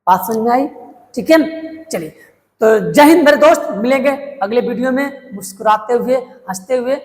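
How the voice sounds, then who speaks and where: A man's voice: sits high, in a large hall. A man teaching spoken English in a casual lesson, repeating each phrase as a drill and calling his viewers brother.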